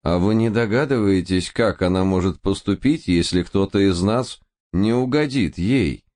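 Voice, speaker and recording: A man's voice: deep voice, normal speed, pitched above the performer's own voice, natural voice. A man doing an exasperated, hot-tempered young reporter. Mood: urgent. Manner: shouting, exasperated, emphatic.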